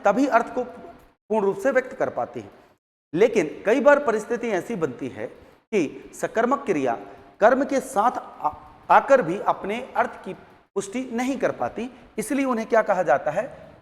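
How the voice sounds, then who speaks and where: A man's voice: very high-pitched, expressive, normal speed. A man teaching a Hindi grammar class, asking questions and answering them himself. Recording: long hall reverb.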